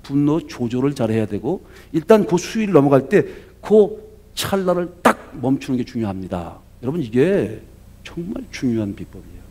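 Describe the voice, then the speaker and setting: Animated, chatty male pastor preaching. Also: mid-range voice, moderate pace. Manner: animated conversational storytelling, tag questions. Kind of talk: sermon.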